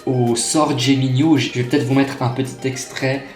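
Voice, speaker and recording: A man's voice: medium pitch, flat delivery, normal speed, reverberant, soft background music. A young man chatting casually through a magic unboxing at his table, with lots of fillers and restarts, recorded on a camera on a tripod. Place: room at a table.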